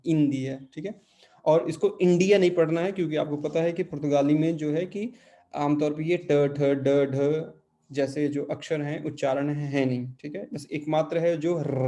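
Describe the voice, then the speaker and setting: A man's voice: on the high side, mellow. A man teaching a language class online, explaining grammar patiently and checking often that his students follow.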